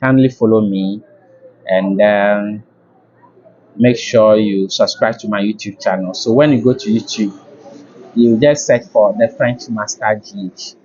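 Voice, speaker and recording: A man teaching a casual video lesson on French words, explaining slowly with fillers and repeats. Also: fairly low pitch, darkish tone, lo-fi sound.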